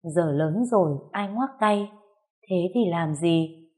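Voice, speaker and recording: A woman reading aloud and voicing a man, an uncle who pleads softly with the girl he loves. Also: on the low side, lively intonation, takes it slowly. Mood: tender.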